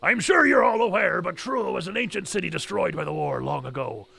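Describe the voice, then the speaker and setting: A man voicing a gruff, bossy pirate captain in a commanding old fisherman manner for a video game. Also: high-pitched, expressive, fairly quick, sharp tone, full character voice. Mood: stern, commanding.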